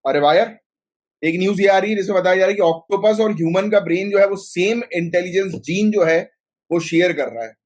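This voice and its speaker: A north Indian man teaching a live online class for civil service exams, talking in a chatty, filler-heavy way. His voice sits a little high for a man. He slips English terms into his talk and keeps firing quick questions at his students. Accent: Hindi-speaking north Indian. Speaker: exam coaching teacher.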